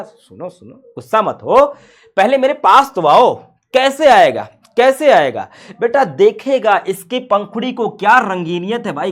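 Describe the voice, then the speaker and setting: A man teaching a science class, playful and full of rhetorical questions to his students. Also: sits high.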